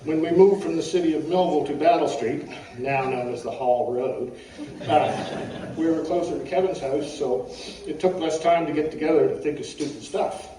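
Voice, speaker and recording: At a funeral service, a middle-aged or older man reads a personal eulogy from notes, sharing humorous anecdotes in a wry, folksy style and often clearing his throat. His voice is fairly high, at a moderate pace. The distant mic picks up a roomy, echoey space and faint background noise.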